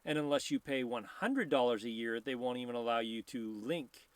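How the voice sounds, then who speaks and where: A man's voice: mid-range voice, moderate pace, clear, resonant tone, no echo. A man hosting a casual live stream, rambling, laughing often and reading viewer questions aloud.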